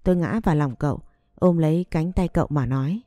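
A woman narrating a story in a slow, soft, even reading voice. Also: sits low, no echo. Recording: dry close recording, faint music behind.

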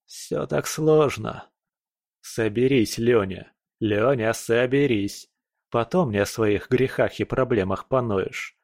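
A man's voice: medium pitch, measured pace, dry recording, studio quality. A man narrating a first-person audiobook in a wry, blunt manner.

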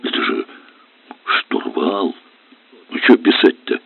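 A man voicing a gruff, grumbling middle-aged helmsman with rough, mocking speech, read for a storybook. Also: slow, no room sound, natural voice. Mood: sullen. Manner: sullen, mocking, rough colloquial. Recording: tinny dry lo-fi audio.

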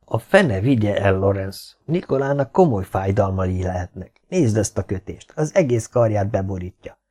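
A man voicing a gruff, brooding medieval baron in an audiobook, growling his words. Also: fairly low pitch, lively intonation, warm tone.

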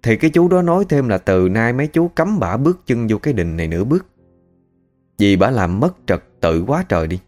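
A man's voice: mid-range voice, big pitch swings, fairly quick, darkish tone, faint music behind. A man narrating a ghost story in a colloquial, chatty way.

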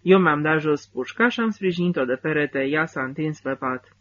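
A man's voice: fairly high pitch, fairly bright tone. Man narrating an audiobook, slightly muffled. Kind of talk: scripted first-person literary narration.

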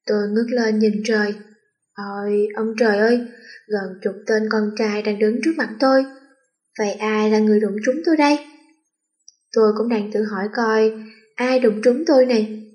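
A woman narrating a first-person story aloud, with a playful, lively delivery that gives the characters in the dialogue their own voices. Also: medium pitch, moderate pace. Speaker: audiobook reader.

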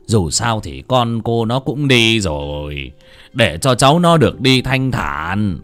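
Elderly village elder, measured, calming, narrator voicing him. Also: male voice, low-pitched, faint music behind, pitched below the performer's own voice. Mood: soothing. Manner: firm, soothing, measured. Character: elderly village elder man, kindly but firm.

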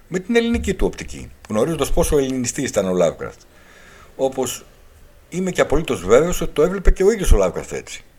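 A radio talk show host and author from Greece lectures at length, spelling out letters one by one and repeating his key points. His voice is lowish, husky, and darkish in tone.

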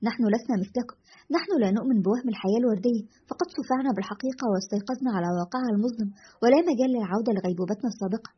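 A woman's voice: a little high, rapid-fire, slight background noise, lightly acted. A woman voicing a weary, cynical male radio host who speaks in a grim, detached way. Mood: defiant. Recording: dull lo-fi recording.

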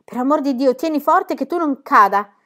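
A woman reading aloud and voicing a bold, cheeky young girl who talks loudly and teases. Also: a little high, lively intonation, fairly quick, pitched above the performer's own voice, close to an everyday voice. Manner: loud, exclamatory, teasing.

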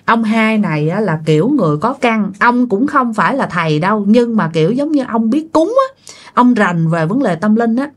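This woman's voice sits on the high side, animated and moderately paced, as she chats her way through a ghost story. Again and again she turns to speak straight to her audience.

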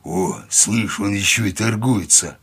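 Guy doing a big crude thug, gruff and grunty, low voice. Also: lively intonation, unhurried, fairly bright tone, exaggerated voice. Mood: menacing. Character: burly male thug, threatening and crude.

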